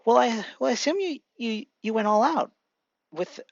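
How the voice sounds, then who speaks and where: A man reading a teen girl, cheerful, halting, dry sound. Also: extremely high pitch, lively intonation, creaky, no room sound, muffled recording, voice pushed up, full character voice. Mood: unsure.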